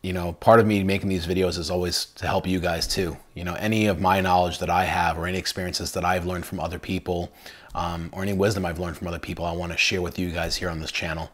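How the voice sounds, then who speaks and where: A man's voice: deep voice, flat delivery, fast talker. A young adult man hosting a casual cooking vlog from his home kitchen, chatty and enthusiastic with lots of fillers. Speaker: cooking channel host.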